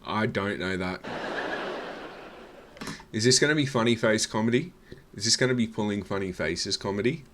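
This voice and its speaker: A man's voice: lowish voice, animated, moderate pace, pauses often, noisy background. A man mocking a comedy set as a reaction host, swearing freely and sneering. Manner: mocking, swears freely, calls people love. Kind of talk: sarcastic reaction commentary.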